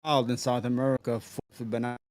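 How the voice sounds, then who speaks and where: A man's voice: medium pitch, flat delivery, fast, a little mellow, dry recording. A man giving his opening statement as a guest in an online debate. His volume jumps up and down because his mic keeps cutting out, and he halts and repeats words when he gets stuck. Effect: uneven volume from a mic that keeps cutting out. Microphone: home computer mic with noise gate.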